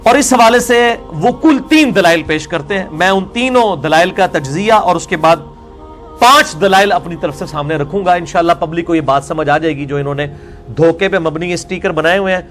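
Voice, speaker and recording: A man's voice: high voice, a bit bright, soft background music. A man lecturing on scripture as a religious scholar, explaining verse by verse in a combative way.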